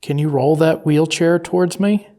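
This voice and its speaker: A paranormal investigator calmly coaxing and questioning an unseen presence during a night investigation. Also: medium pitch, normal speed.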